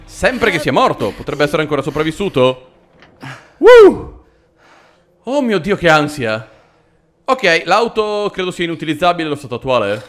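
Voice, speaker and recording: A man giving excitable, joking commentary while playing a horror video game. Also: on the high side, fairly quick. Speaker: gaming video host. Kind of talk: let's play commentary. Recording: voice over loud game music.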